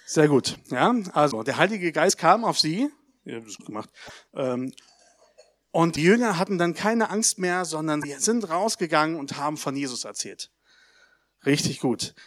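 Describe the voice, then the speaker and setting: Man preaching with a lively, slightly high voice. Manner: addresses the congregation directly, asks questions; lively storytelling, with pauses and hesitations. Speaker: pastor. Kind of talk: baptism sermon.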